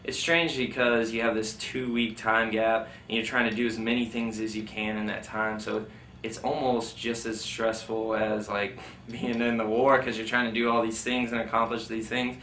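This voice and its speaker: A man's voice: fairly low pitch, little pitch movement, normal speed, fairly bright tone. A man, a military veteran being interviewed, casually recalling his service in a rambling, informal way full of filler phrases. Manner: rambling, informal, heavy use of "like" and "you know". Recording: roomy, distant mic, faint noise.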